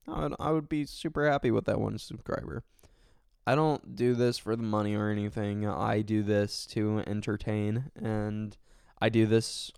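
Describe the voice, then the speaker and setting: Slow-talking man hosting a solo podcast. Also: medium pitch, clear, resonant tone, no echo, studio quality. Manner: rambling, self-correcting, full of fillers; sincere and thankful. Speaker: podcast host. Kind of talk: casual solo podcast talk.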